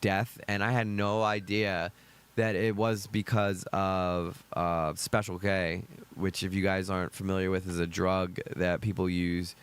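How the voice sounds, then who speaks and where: Male streamer, Northeast US accent, deep and hoarse from a cold, casual. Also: little pitch movement, measured pace. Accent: American Northeast. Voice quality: deep, gravelly. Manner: chatty, greets chat viewers by name. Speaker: livestream host. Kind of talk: casual livestream commentary.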